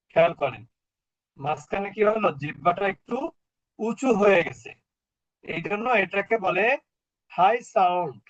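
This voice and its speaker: A man's voice: sits high, dull audio. A man teaching a Quran recitation class over a video call, explaining patiently and asking the class questions.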